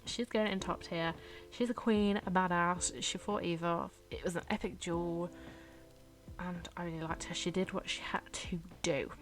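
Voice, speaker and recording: Chatty young woman, low voice. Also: fairly even intonation, moderate pace, soft background music. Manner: chatty, rambling, with fillers and giggles. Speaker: YouTuber ranking characters. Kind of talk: casual chat over gameplay.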